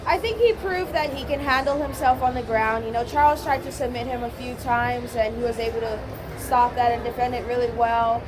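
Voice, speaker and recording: A young woman from Hawaii, a slap fighter, is being casually interviewed in a busy casino, talking in an easygoing way and laughing often. Her voice is on the high side and fairly quick, set against a noisy, crowded background.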